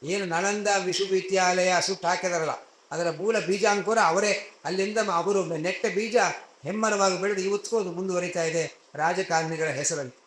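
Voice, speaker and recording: High-voiced man giving a religious discourse. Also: steady tone, normal speed, a bit bright, echoey room, poor audio. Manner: conversational storytelling with everyday asides. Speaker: spiritual discourse speaker.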